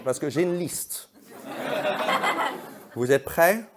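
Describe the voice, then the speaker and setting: A man's voice: a little high, expressive, slow pace, heavy background noise. A man performing stand-up on a theatre stage, quizzing the audience in a playful, mock-bewildered way while they laugh. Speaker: stand-up comedian. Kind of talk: stand-up crowd work.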